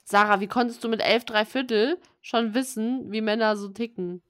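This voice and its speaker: A woman co-hosting, teasing and reacting quickly to a story being read to her. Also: a little high, steady tone, clear, resonant tone, no echo, studio quality. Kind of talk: casual chat.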